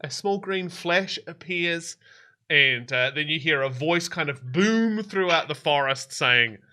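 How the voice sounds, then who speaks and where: A man's voice: a little high, animated, unhurried, sharp tone. A man running a tabletop game as game master, narrating scenes in a rambling way with many fillers.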